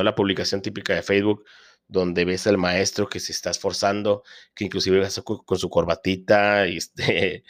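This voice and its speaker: A man's voice: sits low, a bit bright. A man with a Mexican Spanish accent, a teacher and father, hosting a casual podcast monologue with slangy, joking, self-deprecating asides.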